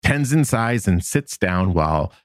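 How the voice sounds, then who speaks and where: A man co-hosting a podcast, chatting casually and recapping episodes with a relaxed, rambling manner. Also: lowish voice, measured pace, no echo, clean studio sound. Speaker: podcast co-host.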